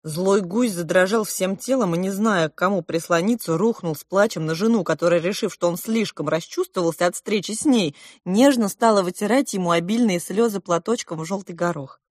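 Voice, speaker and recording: A woman narrating a children's audiobook with expressive storytelling. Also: lowish voice, brisk, hardly any pauses, dry recording, clean studio sound. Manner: expressive storytelling, shifting into character voices. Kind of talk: scripted narration.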